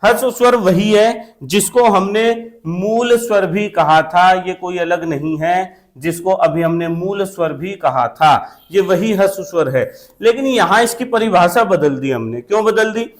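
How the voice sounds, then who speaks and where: Male exam-coaching teacher, high voice, repetitive question-and-answer drilling, steady classroom delivery. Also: measured pace. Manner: repetitive, asks questions and answers them himself, often checks with "theek hai na". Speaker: Hindi grammar teacher. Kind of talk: exam-prep classroom lesson.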